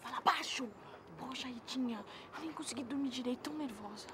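Female actor as scared young woman, Brazilian accent, telenovela, high pitch, rapid speech, noisy outdoor setting. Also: lightly acted. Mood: scared, hushed. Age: young adult. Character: nervous, frightened young woman confiding in her friend. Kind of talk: telenovela acting. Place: outdoors in a street.

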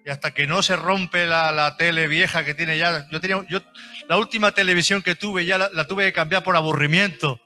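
A man's voice: on the high side, fairly even intonation, a little fast, bright, forceful tone, faint music behind. A middle-aged man, preaching a sermon as pastor in an emphatic, repetitive way with homely examples.

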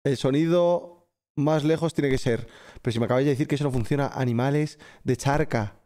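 A man doing live gameplay commentary, excitable, swearing and shouting at the game while talking to his chat. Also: mid-range voice, a little fast. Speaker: streamer. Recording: game music behind the voice.

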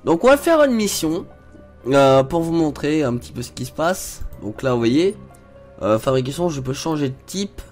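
A man's voice: on the high side, sing-song, moderate pace, darkish tone, faint music behind. A young man casually commenting on a retro PC strategy game as he plays, explaining menus as he goes. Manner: chatty, explains menus as he clicks, frequent fillers. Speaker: gaming video host. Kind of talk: casual let's play commentary.

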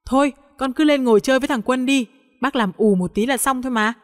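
A woman's voice: sits high, quick pace, in a large hall, voice pushed up, close to an everyday voice. A woman voicing a kindly middle-aged mother, speaking easily and reassuringly. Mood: easygoing.

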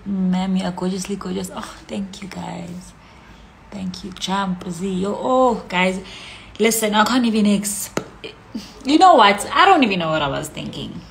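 A young South African woman chats casually on a phone live stream from a small room, holding the phone at arm's length. Her medium-pitched voice has vocal fry and a measured pace, and she reads out comments playfully, sometimes dropping into whispers. A little hiss or hum is audible.

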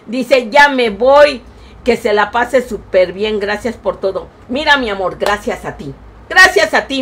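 A woman with a Mexican accent chats through a live stream, reading out viewers' messages. Her voice sits high, and she dotes on everyone in a grandmotherly way, breaking into loud excited cries now and then. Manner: doting, showers viewers with endearments like a grandmother.

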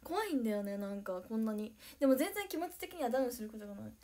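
A young woman chatting on a livestream, excitable and giggly, thanking viewers by name as she reads their comments. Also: fairly high pitch, rapid-fire. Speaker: idol livestreamer. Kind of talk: casual livestream chat reading viewer comments.

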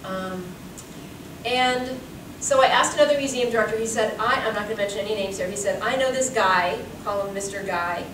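A chatty woman in her forties, a curator, gives a lecture full of anecdotes to an audience in a seminar room, laughing often. Her voice is medium-pitched and brisk. A distant room mic picks her up with echo and background hiss.

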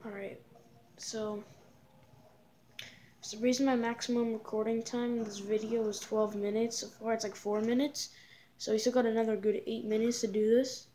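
A woman's voice: on the high side, flat delivery, normal speed, warm tone, slight background noise. A woman giving casual let's-play commentary, rambling with lots of fillers in an easygoing way. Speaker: gamer.

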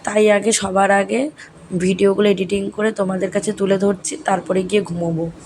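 A young woman speaks in a hoarse, sore-throated voice, narrating her family vlog in a casual, chatty way. She keeps her voice soft and talks straight to her viewers. Her pitch stays flat and even throughout. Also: moderate pace, background noise. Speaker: family vlogger. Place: home at night, voice-over while editing.

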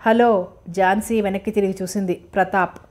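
A woman's voice: medium pitch, flat delivery, moderate pace, darkish tone. Woman narrating a novel steadily. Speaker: audiobook narrator.

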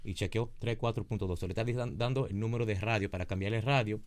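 A man's voice: lowish voice, steady tone, fast talker. A man informally explaining radio traffic, repeating himself and dropping English phrases in, close on a studio microphone. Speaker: aviation commentator. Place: small padded podcast studio. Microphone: boom-arm studio microphone, headphones.

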